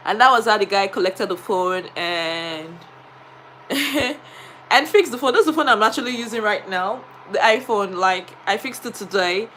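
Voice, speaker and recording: A woman's voice: medium pitch, unhurried, a bit bright, a little hiss or hum. A woman with a Nigerian accent, a teacher, chatting on a live stream and telling a story with many fillers. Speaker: vlogger and teacher.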